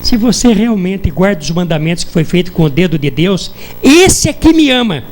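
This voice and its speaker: High-voiced Brazilian preacher questioning his flock. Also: sing-song, normal speed, slight background noise, low-quality recording. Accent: Brazilian Portuguese. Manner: asks the congregation rhetorical questions. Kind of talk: sermon. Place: church.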